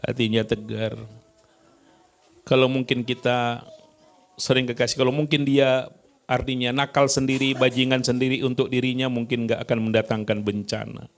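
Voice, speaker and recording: A man's voice: medium pitch, level tone, moderate pace, long pauses. A male pastor preaching a sermon in a church, talking in a conversational way and often addressing the congregation directly.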